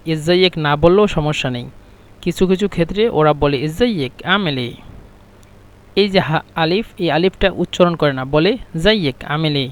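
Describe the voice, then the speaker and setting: A man teaching a spoken language lesson, repeating phrases slowly and explaining how they are pronounced. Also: on the high side.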